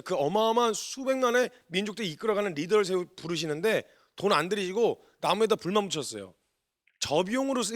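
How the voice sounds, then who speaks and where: Animated man preaching a sermon. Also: sits high. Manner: colloquial, animated storytelling, acts out quotes. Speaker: missionary preacher.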